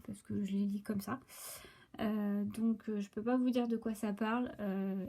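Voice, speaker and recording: French woman, booktuber, warm higher voice, halting casual delivery with lots of fillers. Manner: hesitant, many fillers and restarts. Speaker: booktuber presenting new book releases. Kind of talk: casual chat to camera. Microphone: phone.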